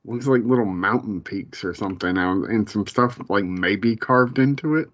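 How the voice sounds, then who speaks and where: A man rambles through his thoughts in easy, casual chat, swearing, laughing and hunting for the right word. His voice sits on the low side, and he has the hiccups. The recording is dull and lo-fi. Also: moderate pace, fairly bright tone, dry recording. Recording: dull, lo-fi sound.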